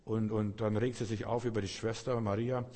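A man delivers a sermon in an earnest, direct way, speaking straight to his listener. His voice is low and husky. The sound rings with a long reverb. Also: level tone, a little fast, darkish tone. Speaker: preacher.

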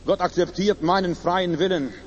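A man preaching a sermon at a church service, swinging between loud emphatic cries and low quiet asides. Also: steady tone, moderate pace, big-room sound, muffled recording, slight background noise.

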